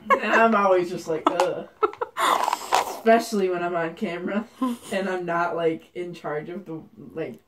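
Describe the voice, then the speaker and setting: A woman's voice: lowish voice, fairly even intonation, heavy background noise. A young woman joking around with her friend on a vlog, laughing often. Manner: joking, laughs a lot, slow drawl. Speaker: friend and co-host.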